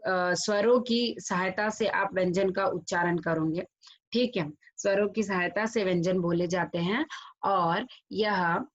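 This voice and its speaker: A woman teacher giving a recorded lesson to children, drawing sounds out slowly and mixing English words into her speech. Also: medium pitch, muffled recording. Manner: slow, drawn-out pronunciation of sounds for children; mixes English words into Hindi. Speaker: school teacher.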